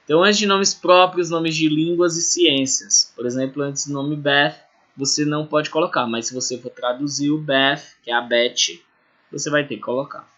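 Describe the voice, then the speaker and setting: A man teaching an English review lesson with a Brazilian Portuguese accent, speaking slowly and checking in often with his students. His voice is bright and fairly high for a man, and the recording sounds dull and lo-fi. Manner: explains slowly, repeats and checks with "certo?" and "beleza?".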